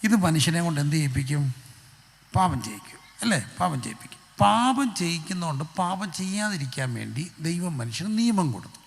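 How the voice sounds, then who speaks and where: A Malayali man preaches a lively gospel sermon to an open-air crowd and keeps asking them questions. His voice is gravelly and sits a little high. It rings out with a long, echoing tail from the loudspeakers. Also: quick pace. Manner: animated, asks the crowd questions. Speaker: pastor. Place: outdoor street gathering.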